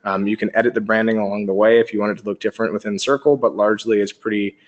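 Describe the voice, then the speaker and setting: Male webinar presenter, low voice, flat delivery, lots of ums and uhs. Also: very fast, dull audio. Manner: steady explaining with many ums and uhs. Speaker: company presenter.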